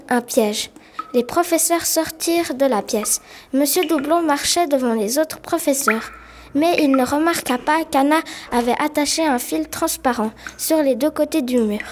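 A woman's voice: sits high, moderate pace, slight background noise. A woman narrating a story in a plain amateur reading, with small slips.

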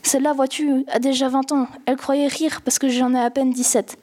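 A woman's voice: high voice, flat delivery, moderate pace, darkish tone. A woman voicing an impulsive seventeen-year-old boy who pleads and rambles in a storybook reading. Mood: tearful.

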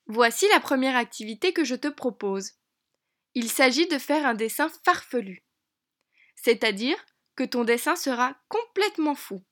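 High-voiced woman teaching young children. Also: expressive. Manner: bright, encouraging, speaks slowly to a child. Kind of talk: children's lesson narration.

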